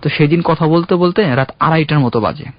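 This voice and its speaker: A young man calling in to a radio show, earnestly recounting his own love story in a halting, heartfelt way. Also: on the high side, dry recording. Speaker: caller. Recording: dull, dry radio studio sound.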